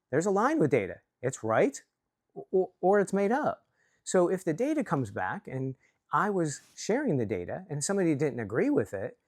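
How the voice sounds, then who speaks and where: Lively earnest man coaching on leadership. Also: fairly high pitch, no echo, clean studio sound. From Chicago. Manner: earnest, lively, self-reflective, with restarts. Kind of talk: talk to camera on workplace leadership.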